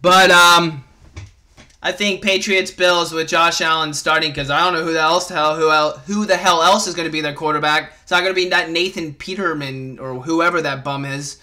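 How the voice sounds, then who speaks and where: A man's voice: on the high side, steady tone, normal speed, sharp tone. A young man hosting a casual sports podcast, ranting in a fired-up, rambling way with plenty of swearing. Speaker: podcast host.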